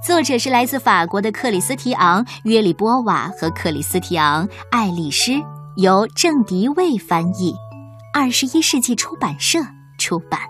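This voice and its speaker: A woman hosting and reading a children's bedtime story aloud, gentle and expressive. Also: medium pitch, normal speed, soft background music.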